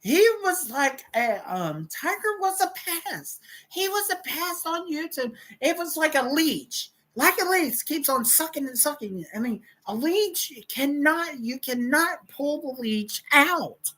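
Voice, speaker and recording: A woman's voice: high-pitched, lively intonation, unhurried, hardly any pauses, a bit bright, low-quality recording. A woman hosting a livestream, telling a rambling story with lots of repetition and cursing. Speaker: livestream host.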